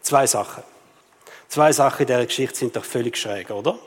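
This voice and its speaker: Swiss German preacher in a reverberant hall. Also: male voice, medium pitch, a little fast. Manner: lively, rhetorical, keeps asking the audience "oder?". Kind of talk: sermon.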